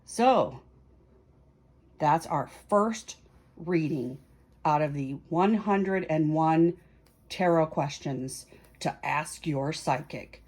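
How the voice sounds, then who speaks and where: Slow and low-pitched, with long pauses, a slightly mellow quality and a breathy edge, a woman reads tarot in a casual video. Talking to camera, the host explains while thinking aloud, in a conversational and lightly self-mocking tone.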